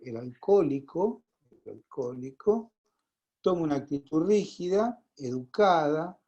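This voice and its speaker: Man, Argentine accent, mellow tone, online class lecture, conversational, video call mic. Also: fairly high pitch, rough recording. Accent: Argentine Spanish. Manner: conversational, fills pauses and checks in with the class. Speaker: pharmacology lecturer.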